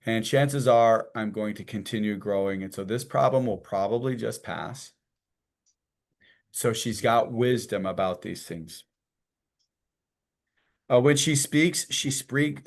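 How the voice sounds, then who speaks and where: With a mid-range voice, a man leads an informal church class in a folksy, conversational way, acting out little quotes and images along the way.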